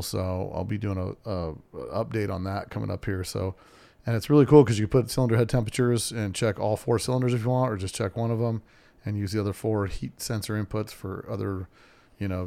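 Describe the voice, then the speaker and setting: A man with a low, gravelly voice hosts a casual podcast chat. He talks in a laid-back, slangy, friendly way, like he's talking with an old buddy. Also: mellow. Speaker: podcast host. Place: trade show floor.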